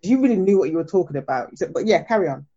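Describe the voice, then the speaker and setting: A woman's voice: lowish voice, lively intonation, very fast, warm tone, slightly rough. A British woman interviewing as host in an encouraging, effusive way, on a slightly dull-sounding remote call. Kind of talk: casual interview.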